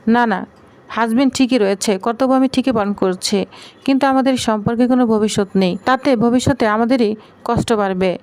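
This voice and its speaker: A woman reading as a gentle young wife. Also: fairly high pitch, a little fast, smooth, natural voice. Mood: earnest.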